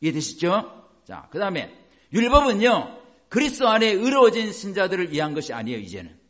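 A man's voice: high-pitched, wildly swooping pitch, fairly quick, a bit bright. A man preaching a sermon as a pastor, explaining by asking the congregation questions and acting out quoted voices.

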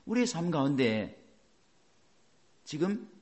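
A middle-aged pastor delivers a sermon with a lively, swinging pitch. He keeps putting questions to the congregation and then answers them himself. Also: slow.

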